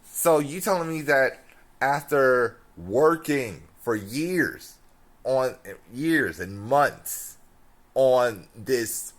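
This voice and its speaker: A man's voice: mid-range voice, expressive, very slow. Drunk, rambling American man on a rant. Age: young adult. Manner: rambling, slangy, incredulous, repeating himself and stumbling over words. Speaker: film ranter. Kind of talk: casual rant.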